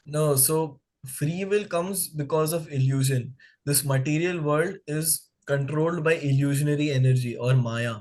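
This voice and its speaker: A man's voice: fairly high pitch, normal speed, darkish tone. Man explaining scripture to a class. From Nepal. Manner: explanatory, uses everyday examples, frequent fillers.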